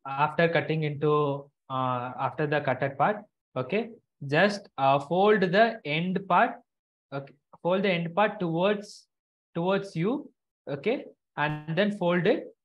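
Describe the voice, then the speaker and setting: A slow, medium-pitched voice delivers a live craft lesson to children over a video call, step by step, with instructions repeated and regular checks that they follow. The recording has dull lo-fi call quality.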